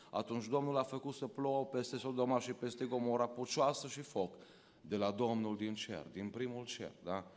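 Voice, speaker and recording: A man from Romania preaching a sermon, his mid-pitched voice swelling into emphatic calls to the congregation. The sound carries the long reverb of a church hall. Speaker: pastor.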